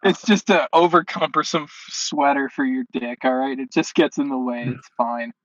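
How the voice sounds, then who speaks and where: A man's voice: medium pitch, steady tone, moderate pace, no echo, muffled recording. A man co-hosting a podcast, calling in from his car, riffing crudely and laughing. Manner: laughing, rambling, vulgar. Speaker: podcast co-host. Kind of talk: crude casual banter.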